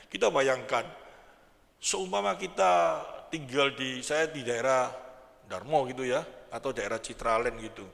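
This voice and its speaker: A man preaching an Easter sermon as pastor, lively and acting out the cries of the people he describes. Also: fairly high pitch, gravelly. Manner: animated, acts out quoted cries and asides. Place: church hall. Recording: long church-hall reverb.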